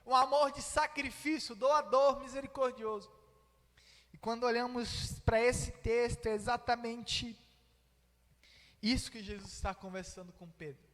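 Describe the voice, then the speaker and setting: High-voiced Brazilian preacher in a reverberant church. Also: male voice, unhurried, a bit bright. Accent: Brazilian Portuguese. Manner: explanatory, acts out quoted dialogue. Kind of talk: sermon.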